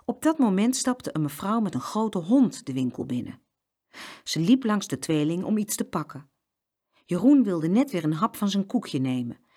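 Expressive woman reading a children's story. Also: mid-range voice, moderate pace. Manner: expressive, acting out sounds.

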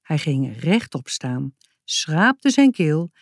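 A woman narrating a children's audiobook in a calm, measured storytelling manner, close to the mic. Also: low voice, no echo.

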